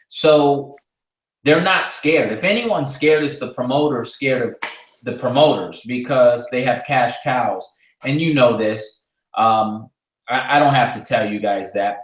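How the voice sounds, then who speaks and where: A man co-hosting a live boxing talk show, breaking down fights in a measured, analytical way with frequent fillers. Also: medium pitch. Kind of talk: casual live-stream discussion. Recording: echoey room.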